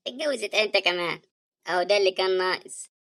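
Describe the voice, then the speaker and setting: A woman voicing a grieving sister in an animated drama, speaking Egyptian Arabic in a tearful, reproachful way. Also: medium pitch, close to an everyday voice. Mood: sad, upset. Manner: tearful, reproachful, fast talking. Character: grieving woman, hurt and bitter over her dead brother.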